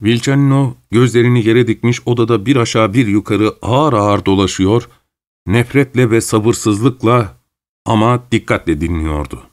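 A man narrating a literary audiobook in a measured, even storytelling voice. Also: fairly low pitch.

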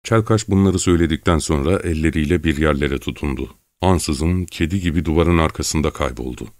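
A man with a deep, low voice narrates an audiobook story in a measured, dramatic way. The recording is dry and close, with no room echo. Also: darkish tone.

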